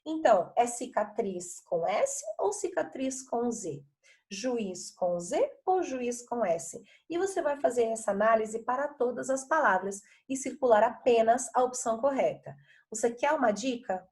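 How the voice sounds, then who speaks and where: A middle-aged Brazilian teacher with a slightly high, expressive, darkish voice speaks a little slowly. In a video lesson she walks pupils through workbook exercises, patient and chatty, often checking that they're following.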